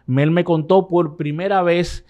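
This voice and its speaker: A male interview host recounting past conversations in a relaxed, reflective recap. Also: fairly high pitch, unhurried, highs cut off.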